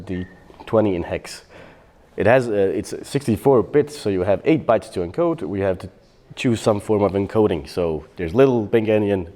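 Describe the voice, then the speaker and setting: Speaking in a lowish voice, this middle-aged man from Bosnia is a software developer giving a conference talk on developer tools. His delivery is laid-back and explanatory, full of filler words and self-corrections.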